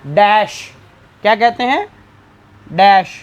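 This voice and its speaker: A man's voice: sits high, expressive, takes it slowly, lo-fi sound. Man lecturing, quizzing and repeating terms. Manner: asks questions and answers them himself, repeating terms. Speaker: law exam tutor. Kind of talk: classroom lecture.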